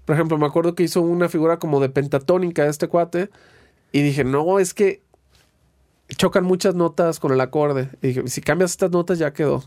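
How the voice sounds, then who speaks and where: Slightly high-voiced Mexican man, rambling storyteller. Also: brisk, no room sound, clean studio sound. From Guadalajara, Mexico. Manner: relaxed, rambling storytelling with slang and restarts. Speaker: guest, guitarist and producer. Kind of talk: casual conversational interview.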